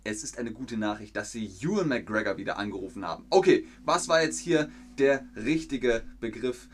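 A man's voice: mid-range voice, lively intonation, normal speed. Man hosting a chatty fan stream. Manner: reads viewer comments aloud, with many hesitant fillers. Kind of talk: casual live-stream chat with viewers.

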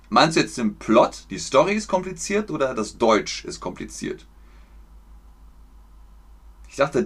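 A man from Germany teaching German on a livestream, explaining slowly, clearly and patiently. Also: fairly low pitch, fairly bright tone. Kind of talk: livestream language lesson.

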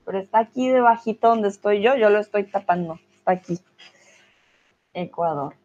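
A woman with a Colombian accent teaching a live online class, friendly and encouraging, speaking slowly and clearly. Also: medium pitch, a little mellow, highs cut off.

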